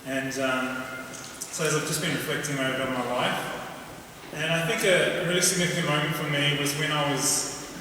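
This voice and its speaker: A man with a broad New Zealand accent, sharing a personal testimony with a gathering in an informal, halting way. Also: on the high side, steady tone. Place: large reverberant indoor venue. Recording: echoey hall, distant mic, faint noise.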